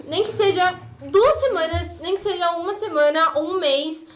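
A woman's voice: very high-pitched, normal speed. A young woman, chatting casually and encouragingly as a podcast guest. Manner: chatty, encouraging, uses filler words. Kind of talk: casual chat. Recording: roomy studio echo with faint noise.

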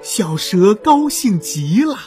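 A woman narrating a children's story slowly and expressively. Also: mid-range voice. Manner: slow, expressive, gentle. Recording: soft violin music behind.

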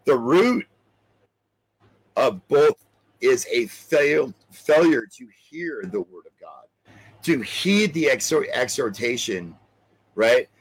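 A man preaching a sermon, explaining scripture verse by verse, often halting on repeated words and asking "right?". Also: mid-range voice, expressive, slightly rough, low-quality recording. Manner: expository, cites scripture verses.

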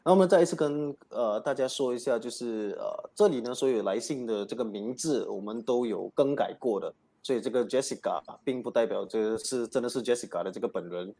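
A man's voice: medium pitch, fairly quick, hardly any pauses, warm tone. A man hosting an advice show, talking casually with many fillers. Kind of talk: casual radio talk.

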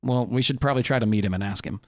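A man with an average-pitched voice trades jokes on a podcast. He is quick to laugh and keeps things upbeat. The recording is dry and close. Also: dry recording. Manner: jokey, laughs often, upbeat. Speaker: podcast co-host. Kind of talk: casual podcast chat.

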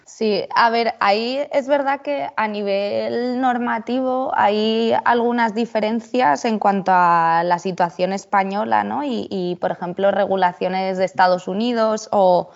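A woman's voice: medium pitch, steady tone, unhurried, vocal fry, hardly any pauses, highs cut off. A woman with a Spain Spanish accent, a researcher explaining with examples and frequent tag questions. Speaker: researcher guest. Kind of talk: explanatory panel talk.

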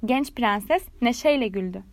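Woman, fairy-tale reader, expressive, measured, high voice, dry close recording. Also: no room sound. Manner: measured, lively storytelling. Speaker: storyteller.

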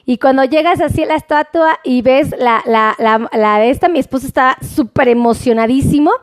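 Chatty high-voiced Mexican woman streaming live. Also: normal speed, dry recording. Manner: chatty, greets viewers by name, repeats phrases. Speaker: live-stream host on nutrition and diabetes. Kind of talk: casual live-stream chat with viewers.

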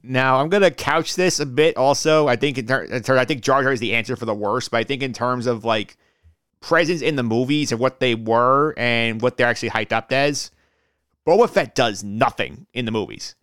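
A young man hosting a podcast, chatting casually and steering the conversation with quick, upbeat remarks. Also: mid-range voice, fairly bright tone, smooth, no room sound, clean studio sound. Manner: quick, upbeat, wrapping up segments. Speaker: podcast host.

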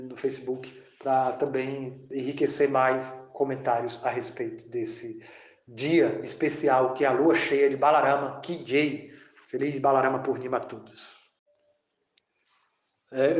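Halting devotional teacher, echoey room. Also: male voice, medium pitch. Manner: slow, halting, chants mantras drawn out. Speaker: spiritual teacher. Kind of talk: devotional audio talk.

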